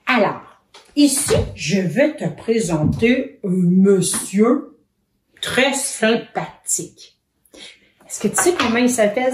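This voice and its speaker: A woman's voice: mid-range voice, recorded from a distance, slight background noise. A woman with a Québécois accent who teaches young children, patient and encouraging, asking many questions. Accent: Québécois French. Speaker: children's educator. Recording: roomy echoing room.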